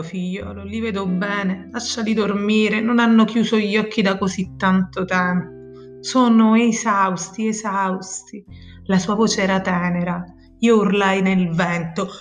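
Woman reading in a grave, measured voice. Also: mid-range voice. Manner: grave, measured, with slow pauses. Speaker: reader. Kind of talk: solemn literary reading. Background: soft instrumental music.

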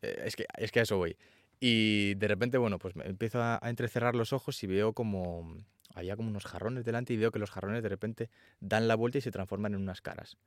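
Man, fairly low voice, animated storyteller, dry close sound. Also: brisk, no room sound. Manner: animated storytelling, acts out quotes. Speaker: actor guest. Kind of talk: casual interview chat.

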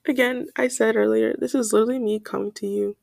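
Young woman, home podcast host: scattered rambling, laughing often, stuffy nose, slight vocal fry, dry close mic. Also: a little high, fairly even intonation, fast talker, darkish tone, dry recording. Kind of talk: casual rambling monologue. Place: bedroom.

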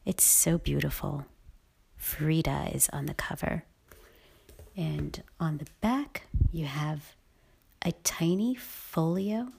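A woman with a slightly low voice speaks at a very unhurried pace, as if hosting an intimate podcast. Her delivery is breathy, often sinking almost to a whisper, and she muses effusively without a script. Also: a little mellow. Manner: slow, musing, effusive. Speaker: podcast host. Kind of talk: intimate, unscripted podcast monologue.

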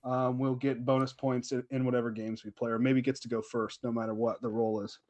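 A man co-hosting a podcast, chatting casually with many ums, trailing off softly. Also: medium pitch, little pitch movement, fairly quick. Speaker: podcast co-host. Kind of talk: casual chat.

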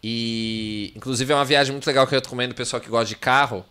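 A man's voice: medium pitch, steady tone, fast talker, pushed and bright, smooth. A man, hosting a podcast and telling travel stories in a chatty way, with many restarts. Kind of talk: casual podcast chat.

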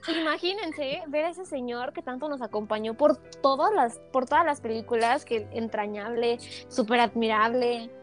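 A young woman co-hosting a podcast, telling a story in a casual, animated and dramatic way. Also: fairly high pitch, normal speed, few pauses, soft background music. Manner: excitable, animated, dramatic retelling with laughs. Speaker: podcast co-host. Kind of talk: casual chat, personal storytelling.

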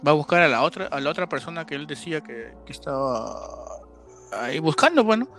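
A man's voice: on the high side, big pitch swings, a little fast, a bit bright, faint music behind. A man, co-hosting a casual podcast and retelling a film plot step by step.

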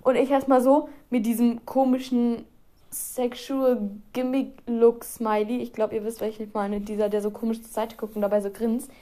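A woman's voice: fairly high pitch, flat delivery, normal speed, mellow. A teenage girl hosting a casual solo podcast, rambling and self-mocking with giggly asides. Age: teens. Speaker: podcast host.

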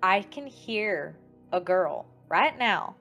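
A woman's voice: medium pitch, expressive, takes it slowly, fairly bright tone. A woman talking casually as a player in a tabletop game, slipping in and out of character. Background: faint music.

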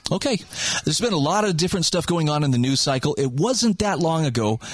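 A man's voice: fairly high pitch, animated, brisk, slightly rough, dry recording. A man hosting a podcast interview, asking questions in a friendly, conversational way. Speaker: podcast host.

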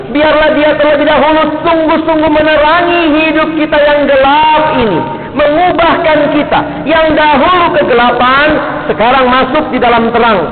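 A middle-aged man preaching a sermon to students, swinging between emphatic high peaks and low, quiet asides. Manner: rises to emphatic peaks and drops low, acts out street characters. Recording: echoey hall, phone-like band.

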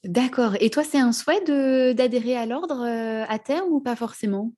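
A woman's voice: a little high, moderate pace, mellow. A woman who is a speech therapist hosts a podcast interview, asking questions and answering with short, friendly affirmations.

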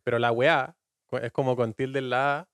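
Chileno de unos 29, explica jerga con ejemplos, mic cerquita y seco. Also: male voice, mid-range voice, fairly even intonation, moderate pace, a bit bright, no room sound. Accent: Chilean Spanish. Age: 20s. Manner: explains slang with playful examples. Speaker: guest. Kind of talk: casual chat.

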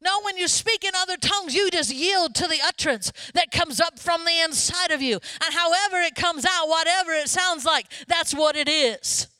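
A woman pastor preaches with a high, bright voice, talking to her congregation in an easy, conversational way and often asking them questions. The sound is close and dry, with no room echo. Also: normal speed, few pauses. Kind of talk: sermon.

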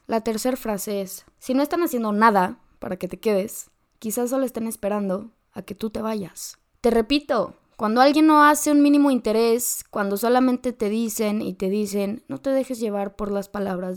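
A woman with a Mexican accent, hosting a podcast and giving direct, slangy advice straight to the listener. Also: on the high side. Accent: Mexican Spanish. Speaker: podcast host. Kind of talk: motivational advice monologue.

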